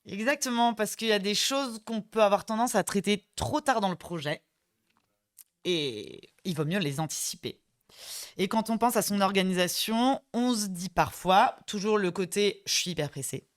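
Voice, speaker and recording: A woman talks through a webinar in a chatty, explanatory way and sometimes teases her co-host. Her voice sits at a middle pitch. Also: moderate pace. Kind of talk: casual webinar chat.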